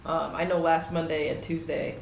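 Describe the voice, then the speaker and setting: A woman's voice: low voice, level tone, normal speed, vocal fry. A woman co-hosting a casual astrology podcast, chatty and playful, often breaking into giggles. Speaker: podcast co-host. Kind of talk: casual chat. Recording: echoey room, faint noise.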